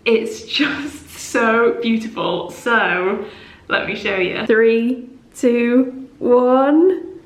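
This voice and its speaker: A woman's voice: a little high, extremely slow. Give me a gushing woman vlogging in an echoey, cave-like room. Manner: gushing, excitable, laughs often. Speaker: home vlogger. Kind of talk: casual vlog chat.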